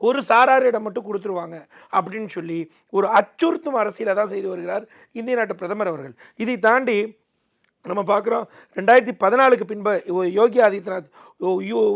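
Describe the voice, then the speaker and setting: A man with a gravelly voice making an emphatic, oratorical political argument as an interview guest, repeating phrases for effect. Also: high-pitched, a little fast. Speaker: political commentator, debate guest.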